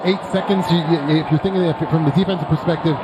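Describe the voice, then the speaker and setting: Higher-voiced male sports radio analyst, noisy stadium. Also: fairly even intonation, quick pace. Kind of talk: live conversational sports radio color commentary. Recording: loud stadium crowd noise behind the voice. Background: roaring stadium crowd.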